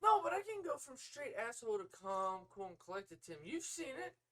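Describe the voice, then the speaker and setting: A man co-hosting a casual podcast chat, profane and brash, swinging into loud outbursts. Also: extremely high pitch, sing-song, moderate pace. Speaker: podcast co-host.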